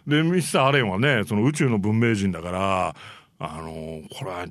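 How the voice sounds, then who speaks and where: A man's voice: fairly low pitch, normal speed, no echo, clean studio sound. A male host telling film history stories in a chatty way, full of fillers and small acted-out quotes. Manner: animated, briefly acts out quoted people. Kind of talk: casual storytelling about film history.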